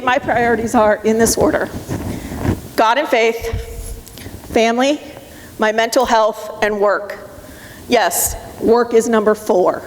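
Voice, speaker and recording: A middle-aged woman giving a live motivational talk to an audience, emphatic, direct and coaching. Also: fairly high pitch. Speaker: motivational speaker. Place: conference room with audience. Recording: long hall reverb, faint noise.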